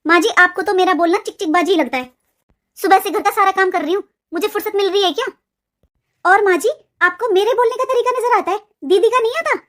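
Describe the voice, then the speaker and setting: A woman's voice: very high voice, fairly quick. A woman voicing a nagging younger sister-in-law in a cartoon, a resentful young wife who complains sharply and sulks. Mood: indignant. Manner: sharp, sulky, grumbling. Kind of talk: cartoon voice acting.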